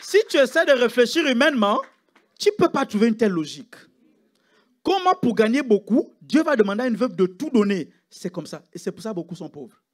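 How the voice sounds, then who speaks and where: A man preaching in church with a high, bright-sounding pitch. His delivery swings wildly, climbing into loud calls and then dropping almost to a murmur. The pitch moves a great deal. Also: sing-song, a little fast, a faint crowd. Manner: preaching with rising shouts and sudden hushed drops. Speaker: pastor. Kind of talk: sermon.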